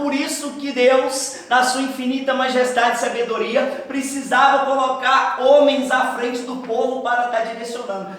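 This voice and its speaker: A lively preacher tells a Bible story at a camp gathering, talking to the crowd and calling volunteers up to act it out. The voice sits at a middle pitch and sounds far from the microphone. A big hall rings with heavy echo around every word. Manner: animated, talks to the crowd and gives playful stage directions. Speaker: preacher leading a camp skit. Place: large echoing hall at a church camp.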